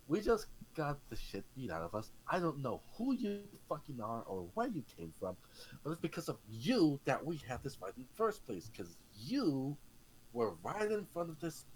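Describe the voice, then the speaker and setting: A man's voice: medium pitch, big pitch swings, moderate pace, a little hiss or hum, poor audio. A man talking casually as a player in a tabletop role-playing game, slipping in and out of character.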